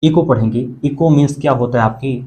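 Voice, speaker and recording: A man's voice: medium pitch, a little fast, warm tone. A man teaching English pronunciation, asking questions and repeating words to drill them. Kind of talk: bilingual classroom lesson.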